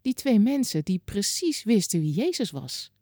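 A woman's voice: medium pitch, big pitch swings, normal speed, warm tone, no echo, clean studio sound. A woman reading a children's Bible story, voicing a young father in a plain, friendly way. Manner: plain, friendly, matter-of-fact.

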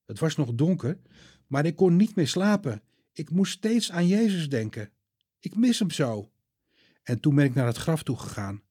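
A man's voice: big pitch swings, normal speed, mellow, slightly rough. A man voicing an upset young woman in a storybook reading, stumbling over her words. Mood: shaken. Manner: breathless, stumbling, high-pitched pleading.

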